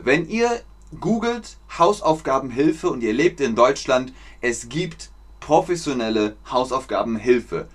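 A man giving a slow, clear German lesson on a live stream, repeating words for learners and chatting with viewers. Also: medium pitch. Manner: chatty, reads out viewer names from chat. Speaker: German teacher.

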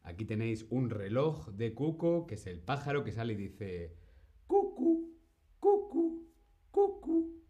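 A man's voice: fairly low pitch, expressive, moderate pace, dark tone. A man from Spain teaching Spanish on a live stream, greeting chat viewers by name and playfully imitating sounds. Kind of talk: live-stream language lesson.

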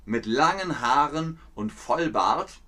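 A man teaching a history lesson to learners, explaining words slowly and acting out scenes with sound effects and voices. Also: mid-range voice, expressive, sharp tone. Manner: repeats phrases to explain words. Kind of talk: slow, playful explanation for learners.

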